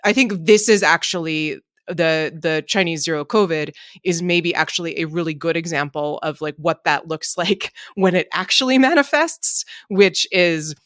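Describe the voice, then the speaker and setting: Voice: medium pitch, normal speed, few pauses, fairly bright tone, dry recording, clean studio sound. A person talking off the cuff on a political panel, in a discursive, intellectual way with nerdy digressions.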